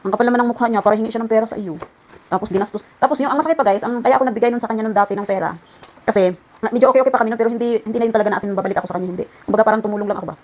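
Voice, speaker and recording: Fast-talking woman vlogger ranting. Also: a little high, darkish tone, poor audio. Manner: chatty, rambling rant addressed to viewers. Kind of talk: casual chat. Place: at home, ironing clothes.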